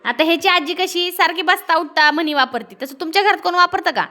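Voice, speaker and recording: A woman's voice: very high-pitched, fast, bright, forceful tone. A woman teacher reading a story aloud in a classroom, stopping to explain and quiz the pupils.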